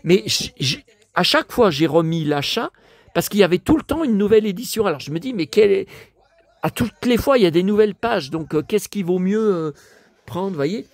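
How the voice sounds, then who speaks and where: A man's voice: high voice, animated, brisk, dry recording. An older man from France chatting casually as a vlogger, musing aloud as he reads English words in a French way. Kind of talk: casual chat while leafing through a book.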